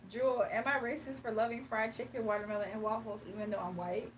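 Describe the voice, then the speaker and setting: Speaking fast in a slightly high, steady voice, a young streamer chats with her viewers, laughs a lot, reads their messages aloud and then does a tarot reading. The mic sits far off, leaving faint room noise.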